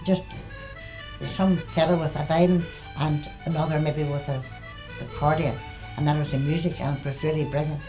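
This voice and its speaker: A woman's voice: sits low, fairly even intonation, moderate pace, over music, rough recording. An older woman with a Northern Irish accent, reminiscing in a plain-spoken, conversational way. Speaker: local resident sharing memories. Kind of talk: reminiscing, casual storytelling.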